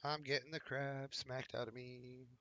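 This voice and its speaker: A man streaming a card game live, muttering casual commentary to himself as he plays, with a sore, squeaky throat. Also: flat delivery, measured pace, fairly bright tone, no room sound.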